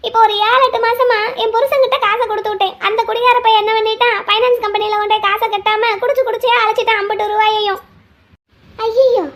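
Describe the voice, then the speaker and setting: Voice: extremely high pitch, fairly bright tone. A voice actor playing a tearful village woman in a cartoon, who pleads and laments that her drunk husband deceived her. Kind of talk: cartoon voice acting.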